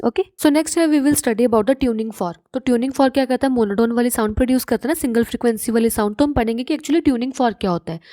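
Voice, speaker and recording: A woman's voice: on the high side, warm tone, no echo. A woman teaching a school science lesson, explaining step by step and answering her own questions, mixing English terms into Hindi. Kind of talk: classroom lecture.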